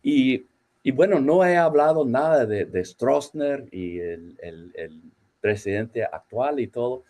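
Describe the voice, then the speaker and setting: A man giving a conference talk in Spanish from a distance, halting, with many fillers and restarts. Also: mid-range voice, expressive, dark tone. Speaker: conference speaker. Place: university in Laredo, Texas.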